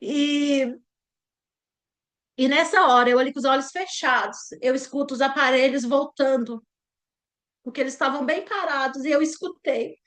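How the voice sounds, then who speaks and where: A Brazilian woman in her thirties telling an emotional personal testimony in church, earnest and climbing higher at her peaks. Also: normal speed, long pauses, a bit bright. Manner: earnest, rising to high pitch at emotional peaks. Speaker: church member giving testimony.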